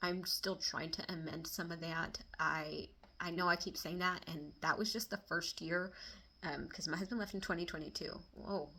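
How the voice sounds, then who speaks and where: A woman's voice: on the low side, fairly even intonation, pushed and bright. A woman talking candidly to her camera about friendship, emotional and frank, swinging between laughter and near tears and swearing casually. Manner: swears casually, quick bursts of exasperation. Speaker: vlogger. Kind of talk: personal confessional talk to camera.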